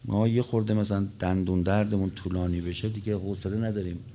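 A man's voice: on the low side, steady tone, warm tone. A man preaching a religious sermon, telling stories and quoting Arabic lines, his voice rising and dropping.

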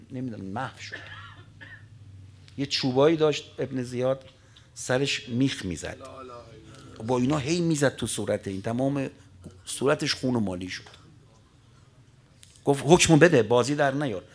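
A man preaching an emotional religious sermon, telling a story with sudden surges of pitch and volume that fall back to a low murmur. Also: gravelly. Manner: dramatic storyteller, voice surging high and loud then dropping low.

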